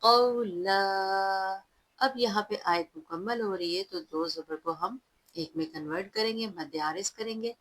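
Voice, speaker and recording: A woman teaching recitation, who alternates drawn-out chanted recitation with calm, patient spoken explanation. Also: fairly low pitch, rough recording. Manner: patient, instructive tone. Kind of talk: slow, careful recitation lesson.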